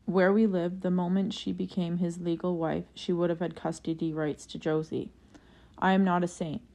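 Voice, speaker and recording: A woman narrates a first-person forum post in a steady storytelling read. Her voice sits a little low. She keeps an even narrating manner throughout. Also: moderate pace, vocal fry.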